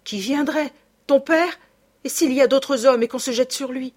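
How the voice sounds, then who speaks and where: A woman voicing a frightened young girl with a high, trembling, urgent voice. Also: moderate pace. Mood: terrified.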